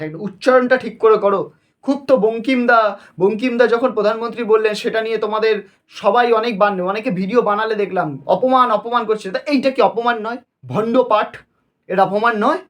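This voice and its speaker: A man hosting a commentary channel, reacting indignantly and asking one rhetorical question after another. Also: high-pitched. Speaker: channel host. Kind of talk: news commentary video.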